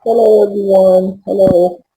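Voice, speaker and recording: A man's voice: sits high, level tone, measured pace, noisy background. A man giving a casual testimony on a video call, hesitant with many fillers, his voice muffled and far off through a tablet held too far from him. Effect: muffled, distant sound from a tablet on a video call. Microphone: tablet held too far away.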